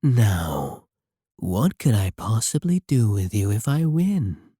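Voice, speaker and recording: A man playing a sly, sadistic warlock in a roleplay audio drama, smug and possessive, with taunting, deliberate phrasing. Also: fairly low pitch, very animated, husky, dry recording, clean studio sound, exaggerated voice. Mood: sly, bargaining. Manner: taunting, drawn-out, deliberate phrasing with dark chuckles. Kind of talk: scripted roleplay audio drama, spoken to the listener.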